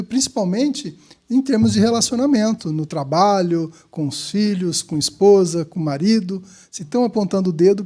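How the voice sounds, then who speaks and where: A man's voice: high voice, dark tone. A man with a Brazilian Portuguese accent, a pastor giving emphatic advice in a podcast conversation.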